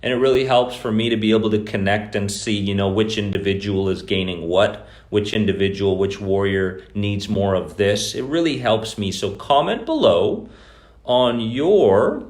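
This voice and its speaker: Low-voiced man chatting on a live stream. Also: normal speed, a little mellow. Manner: loose and conversational, greets viewers by name. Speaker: host of an anxiety recovery live stream. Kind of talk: casual live-stream talk to viewers. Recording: echoey room.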